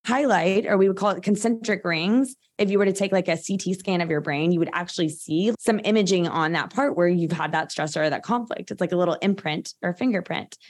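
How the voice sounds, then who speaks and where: A woman's voice: on the low side, a little fast, few pauses. A woman, talking as a guest practitioner in a casual interview, chatty and full of filler words. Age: 30s.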